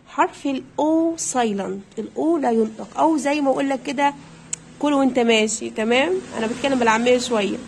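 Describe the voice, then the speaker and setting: Brisk Egyptian woman teacher, high voice. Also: slight background noise. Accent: Egyptian Arabic. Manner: brisk, coaxing, drills words by repeating them. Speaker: primary school English teacher. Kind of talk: online pronunciation lesson.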